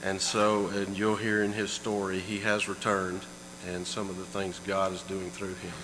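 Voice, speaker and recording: A man's voice: deep voice, monotone, moderate pace. A middle-aged man giving a heartfelt storytelling introduction of a guest in church. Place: church sanctuary. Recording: long hall reverb, faint mains hum.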